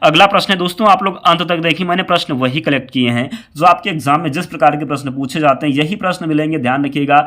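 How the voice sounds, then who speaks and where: A fairly high, slightly bright voice moves at a quick pace with hardly any pauses as this feverish, slightly hoarse man teaches a quiz lesson for exam prep. He reads each question and its choices aloud, repeats the correct one, and keeps asking the viewer to bear it in mind.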